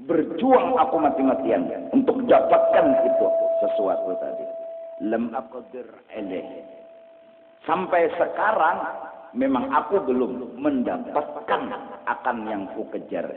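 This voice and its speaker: A man with a Banjar accent preaching a sermon, mixing Arabic quotations into local speech. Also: mid-range voice. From South Kalimantan, Indonesia. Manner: mixes Arabic quotes with local speech, chants call to prayer. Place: mosque prayer hall. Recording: echoey hall over a tinny, noisy line.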